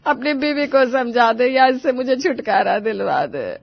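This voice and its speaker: A woman's voice: on the high side, animated, measured pace, vocal fry, no room sound, exaggerated voice. A woman voicing a whiny, dramatic elderly mother-in-law in a cartoon, wailing and complaining. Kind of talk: cartoon voice acting. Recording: dull dry studio voice-over.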